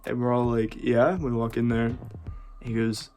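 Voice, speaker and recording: A man's voice: medium pitch, completely flat delivery, normal speed, dark tone, clean tone. A young man telling a casual storytime in a laid-back way, often laughing between lines. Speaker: vlogger.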